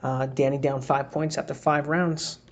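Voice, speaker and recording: A man's voice: medium pitch, level tone, normal speed, dull audio, slight background noise. A man giving a casual, think-aloud breakdown of boxing footage, reacting to each replay as he scores the round. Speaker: boxing analyst. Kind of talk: casual fight breakdown commentary.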